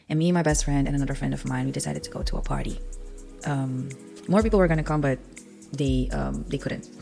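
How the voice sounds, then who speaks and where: Her voice is deep and gravelly with a darkish tone. This young Surinamese-accented woman, a native Sranan Tongo speaker, hosts a spiritual podcast while sniffling through a cold, sounding earnest and confessional, raw, and full of ums.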